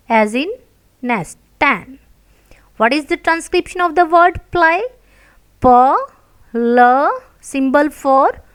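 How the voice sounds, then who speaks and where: A woman's voice: high-pitched, fairly bright tone. A woman teaching a phonetics lesson, sounding out words one sound at a time. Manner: slow, deliberate, repeats sounds one by one.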